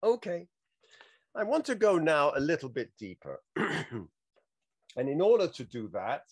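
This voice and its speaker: Slow, reflective male lecturer. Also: a little high, very animated. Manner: slow, reflective, quotes literature and film. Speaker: teacher. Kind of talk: lecture on religious texts.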